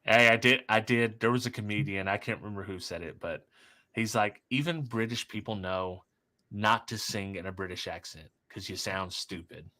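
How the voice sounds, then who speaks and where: A man's voice: on the low side, normal speed, pushed and bright. A man with a Southern US accent co-hosting a casual movie chat, easygoing and agreeable. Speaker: podcast co-host.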